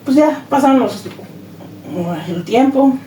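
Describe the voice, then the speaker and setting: A Mexican woman shares her personal testimony as an interview guest, bringing each quoted exchange to life. Her voice is mellow and dark-toned. It sounds roomy and a bit distant, with faint noise underneath. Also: high voice, takes it slowly. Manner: animated retelling, acts out quoted dialogue.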